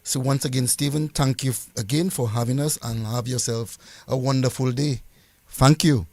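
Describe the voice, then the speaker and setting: A man's voice: medium pitch, steady tone, normal speed, a little mellow, no room sound. A man speaking as a company representative, giving formal, earnest closing remarks to listeners with some emphatic repetition. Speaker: credit union representative.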